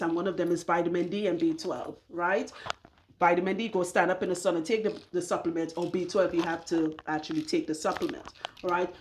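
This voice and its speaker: A woman's voice: fairly low pitch, slight background noise. A woman who works as a loc stylist talks casually and bluntly to her viewers about her supplement routine, laughing often as she goes. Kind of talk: casual talk to camera.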